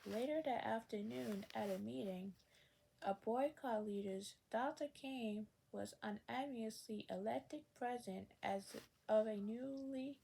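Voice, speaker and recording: A woman reading a children's biography aloud, slowly and haltingly, often repeating words and correcting herself. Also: fairly high pitch, vocal fry, warm tone, slight background noise, rough recording. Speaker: reader.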